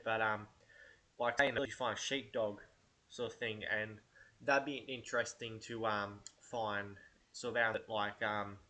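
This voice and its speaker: Sounding sharp with a medium pitch, the gaming channel host, stuffed up with a head cold, works through game video ideas in loose, unscripted commentary. He hesitates often, filling gaps and restarting his sentences.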